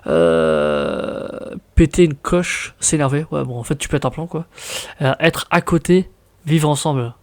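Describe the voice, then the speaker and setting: Chatty young French man, fairly high voice. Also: animated, measured pace, gravelly. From France. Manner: chatty, reads words aloud then reacts with surprise. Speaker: vlogger. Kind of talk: casual reaction vlog.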